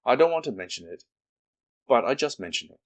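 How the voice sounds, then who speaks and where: A man voicing Eeyore, a gloomy old male donkey who grumbles and complains slowly. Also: mid-range voice, sing-song, voice pushed up. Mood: grumbling.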